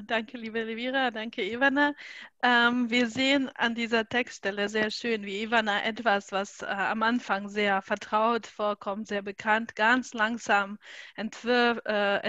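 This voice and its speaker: A woman's voice: a little high, sharp tone, dry recording, highs cut off. A woman moderating a book presentation, speaking hesitantly with many fillers and restarts. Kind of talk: conversational book talk.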